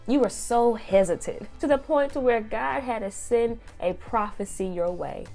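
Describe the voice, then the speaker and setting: A woman's voice: fairly high pitch, animated, normal speed, vocal fry, a little mellow, soft background music. A young woman from Kansas City, talking casually in a faith-based advice vlog, playful and sassy as she preaches straight to her younger self. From Kansas City, USA. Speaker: vlogger.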